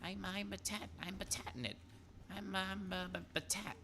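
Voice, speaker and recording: A man voicing a goofy little male character in a very high, squeaky put-on voice. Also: moderate pace, background noise.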